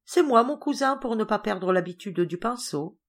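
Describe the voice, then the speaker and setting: A woman voicing a lively, brisk governess who chides and teases in a storybook reading. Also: medium pitch, voice pushed up, natural voice.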